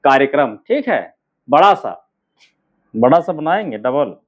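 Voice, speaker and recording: A man's voice: medium pitch, sing-song. A man teaching shorthand outlines word by word. He stretches out each word and keeps checking with "ठीक है" and "है ना". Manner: slow, drawn-out words, frequent "ठीक है" and "है ना" checks. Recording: narrow phone-like sound.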